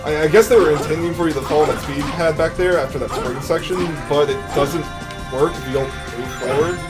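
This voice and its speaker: Speaking fairly quickly in a deep voice, a man gives laid-back live commentary over game music while he speedruns. He chats about the techniques he's using, and his sentences often trail off before he begins them again.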